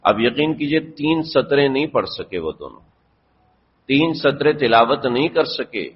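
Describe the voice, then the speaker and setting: A man's voice: medium pitch, lively intonation, slight background noise. A man preaching a sermon as a mufti, earnest and storytelling, rising to emphatic exhortation. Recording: dull lo-fi audio with long hall reverb.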